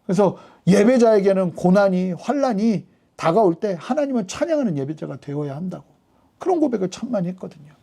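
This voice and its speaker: A middle-aged male pastor delivers a sermon in a high voice with a gravelly edge. His tone is dark and mellow rather than bright. He moves from quiet storytelling to fervent emphasis. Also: lively intonation, brisk.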